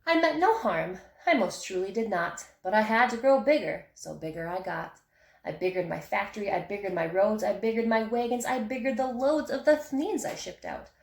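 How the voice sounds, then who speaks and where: Gravelly-voiced teacher reading a story aloud. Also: female voice, mid-range voice, normal speed. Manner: expressive, rhythmic storytelling. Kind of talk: reading a picture book aloud. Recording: echoey room.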